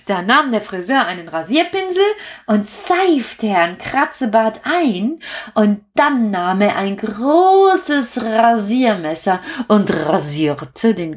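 A woman reading a bedtime story aloud to children in a slow, gentle way. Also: medium pitch.

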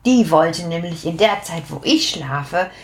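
A woman's voice: on the low side, lively intonation, measured pace. A woman telling a playful bedtime story to children, speaking expressively and addressing them directly.

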